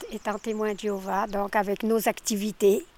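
An older French villager, interviewed in the street beside her garden, talks a little fast in a mid-range, slightly mellow voice with little pitch movement. She's emphatic and chatty, repeating her words in this casual roadside exchange, and there's slight background noise.

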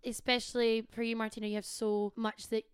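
Young female co-host, expressive and encouraging, very smooth voice, dry close mic. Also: a little high, a little fast, dry recording. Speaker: podcast co-host. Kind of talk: casual chat.

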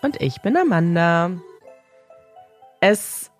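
A woman's voice: on the low side, big pitch swings, slow pace, soft background music. A woman hosting a podcast in casual chat, her nose blocked from a cold. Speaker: podcast host.

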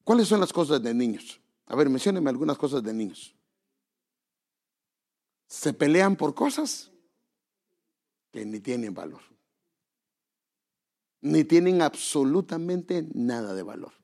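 Creaky-voiced man preaching a sermon. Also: fairly high pitch, very animated, a little slow, long pauses, darkish tone. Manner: asks the congregation rhetorical questions; earnest, exhorting.

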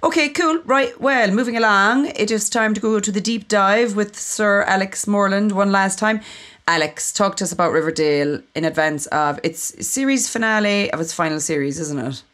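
A woman with a voice of middling pitch hosts a casual podcast. She is friendly and brisk as she moves between segments. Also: a bit bright. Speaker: podcast host.

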